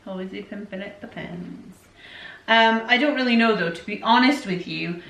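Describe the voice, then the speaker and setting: Answering her viewers from home, a vlogger in her forties with a Scottish upbringing talks in a loose, chatty, self-interrupting way. Her mid-range voice carries vocal fry and a fairly bright tone at normal speed. The casual Q&A sounds echoey and distant.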